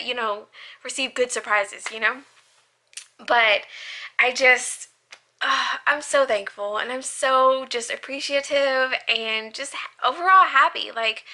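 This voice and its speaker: A young woman talks in a loose, rambling vlog about what she is reading. Her voice sits a little high and sounds very bright and forward. She gushes, trails off mid-thought, and swears freely. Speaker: book vlogger.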